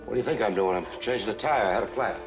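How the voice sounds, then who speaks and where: Guy acting a tough troubled 40s noir cop, low voice, curt, dull old film sound. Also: racing, music in the background, natural voice. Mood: edgy. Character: brusque, troubled police lieutenant, a married man.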